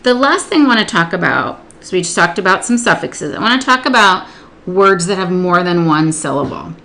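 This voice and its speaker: A woman literacy instructor explaining a spelling procedure step by step, patiently modeling words and sounds slowly. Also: lowish voice, animated, vocal fry, bright, forceful tone, slight background noise.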